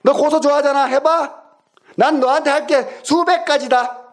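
Man, very high pitched, combative, foul-mouthed, hectoring. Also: steady tone, normal speed. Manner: aggressive, cursing and hectoring. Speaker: caller in a heated argument. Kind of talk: angry phone argument.

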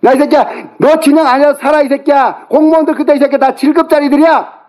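A man in a heated phone argument, shouting and hurling insults at the other party. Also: extremely high pitch, fairly even intonation, fast talker, poor audio.

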